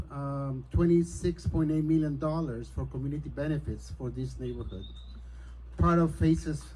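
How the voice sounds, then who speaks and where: A man's voice: on the high side, poor audio. A middle-aged man from Peru gives an earnest, somewhat hesitant campaign speech as a city council candidate at a community meeting. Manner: earnest, hesitant, grows forceful.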